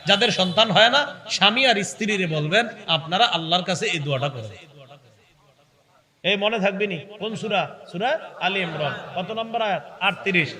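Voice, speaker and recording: A young man preaching an Islamic waz sermon, switching between animated explanation and slow chanted Quran recitation. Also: high-pitched. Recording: long hall reverb.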